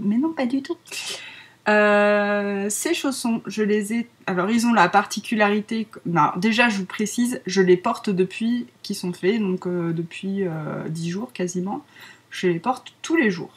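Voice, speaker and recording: A woman's voice: medium pitch, breathy edge. A woman in her thirties with a French accent, hosting a craft podcast in a giggly, rambling casual chat full of fillers. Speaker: podcast host.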